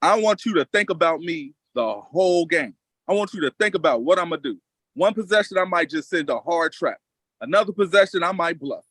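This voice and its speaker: A man's voice: on the high side, expressive, a little fast, fairly bright tone, breathy edge, dry recording, rough recording. A man with a slightly raised voice recorded close and dry, with no room sound, lays out his coaching plan on a basketball podcast. He speaks emphatically and confidently, hammering points home by repeating them. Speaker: podcast co-host with coaching experience. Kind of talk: casual basketball analysis.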